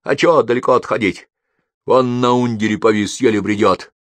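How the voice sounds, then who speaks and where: A man reading the part of a boastful, scornful branded convict, loud and drawling in a dry recording. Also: medium pitch, moderate pace, no room sound, voice pushed up, natural voice. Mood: bitter.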